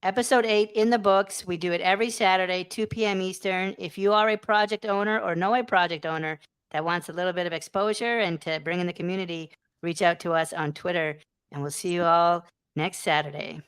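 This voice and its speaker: Woman host, lower pitch, dry close sound, gushing and appreciative in casual chat. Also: steady tone, a little fast, clear, resonant tone, no room sound. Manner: effusive, full of shout-outs and praise. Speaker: show host.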